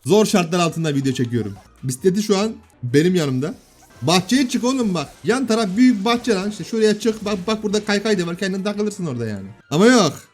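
A man in his thirties at home giving casual gameplay commentary, bantering and often shouting at his kids. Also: sits high, big pitch swings, quick pace, soft background music. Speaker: gaming YouTuber and father. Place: home room.

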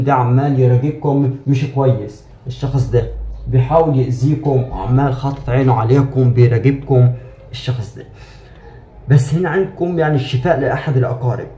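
A man giving a spiritual fortune reading in a reassuring, repetitive monologue, with drawn-out "aah" fillers. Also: medium pitch, dark tone, reverberant, highs cut off.

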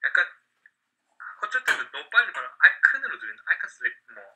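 Curious man, very bright voice. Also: fairly high pitch, very animated, normal speed, husky. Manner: curious, asks short follow-up questions. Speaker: co-host asking questions. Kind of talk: casual conversational questions.

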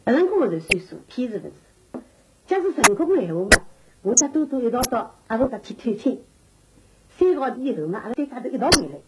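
Older Shanghai-accented grandmother, pragmatic, lively intonation, television drama, noisy worn recording. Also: a little high, quick pace. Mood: persuading. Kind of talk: naturalistic television drama dialogue. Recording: dull, noisy old TV tape.

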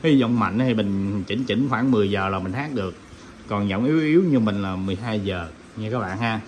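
A man's voice: lowish voice, brisk, darkish tone, a little hiss or hum. A man, chatting casually through an audio gear demo, full of fillers and talking to viewers as friends. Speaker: audio shop owner demonstrating gear. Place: indoor room with sound system.

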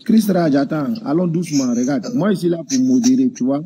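A man moderating a heated debate over a video call, hurriedly trying to calm the speakers. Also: mid-range voice, over a noisy crowd. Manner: hurried, calming.

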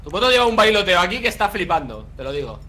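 A man with a Spain Spanish accent giving casual gaming commentary, teasing his friend with jokes and shouting his name. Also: high voice, big pitch swings, rapid-fire. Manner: teasing, joking, yelling names. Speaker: gaming YouTuber.

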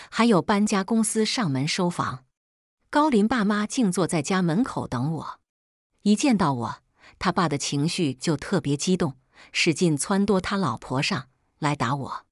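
A woman reading a first-person story aloud in a sharp, sarcastic tone, recorded close to the mic. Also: lowish voice, expressive, normal speed, dry recording. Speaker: story narrator.

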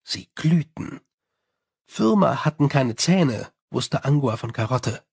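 A man reading an audiobook in measured storytelling narration. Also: medium pitch, animated, gravelly, a little mellow, breathy edge, no echo, clean studio sound. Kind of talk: scripted narration.

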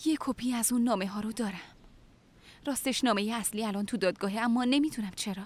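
A woman's voice: fairly high pitch, lightly acted. A woman dubbing a drama role, talking in an earnest, firm, pleading way about raising her young cousin. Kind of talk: dubbed TV drama dialogue.

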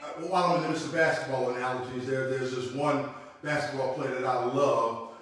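A man's voice: mid-range voice, steady tone, brisk, fairly bright tone. A middle-aged man preaching a sermon at a lectern, repeating key lines and calling out to the congregation. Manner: preaching with call-outs and repetition, sweeping gestures. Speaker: pastor. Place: church room with logo backdrop, standing at a lectern. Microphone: far camera. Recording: echoey room, mic far off.

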